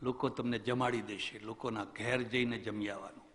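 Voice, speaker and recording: A man's voice: mid-range voice, steady tone, normal speed, a bit bright, in a large hall. A man, a swami, giving a religious discourse as a storytelling preacher who asks rhetorical questions.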